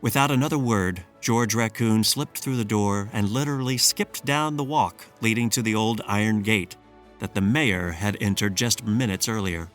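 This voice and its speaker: A man reading a children's storybook aloud in a measured, expressive storytelling manner. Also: lowish voice, soft background music. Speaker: storybook reader. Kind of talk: scripted narration.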